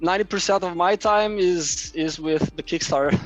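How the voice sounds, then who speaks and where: A Brazilian man in his thirties, a native Portuguese speaker with a Brazilian accent, appears as a guest map publisher in a casual chat. His voice is high and his pace moderate, and he often repeats words while searching for them. The recording sounds muffled, with soft music in the background.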